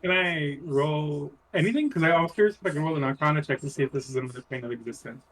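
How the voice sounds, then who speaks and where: A man's voice: a little high, quick pace, fairly bright tone, low-quality recording. A man playing a tabletop game, chatting casually in a hesitant, questioning way.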